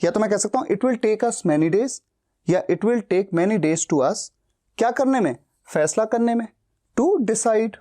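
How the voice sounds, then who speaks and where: A man's voice: sits high, dark tone. A man teaching a spoken English lesson who explains step by step and repeats example sentences.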